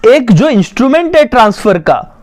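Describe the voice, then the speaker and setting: A man teaching a commerce exam-prep lesson, who dictates slowly and then explains quickly. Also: very high voice, very animated.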